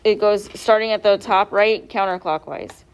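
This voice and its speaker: A woman's voice: mid-range voice, normal speed, clean tone. Patient woman teaching a math class. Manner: patient, step-by-step, quizzes students. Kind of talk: classroom quiz review. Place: classroom with students.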